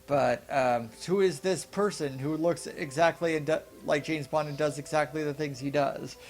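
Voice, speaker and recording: A young man co-hosting a casual film podcast, rambling with restarts and animated asides. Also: a little high, normal speed. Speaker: podcast co-host. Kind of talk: casual film review chat.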